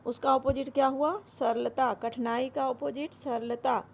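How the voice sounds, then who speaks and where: Pitched high with a gravelly texture and fairly even intonation, this woman explains a Hindi grammar worksheet for school. She slowly repeats each word, then drills its correct form, slipping English words in along the way.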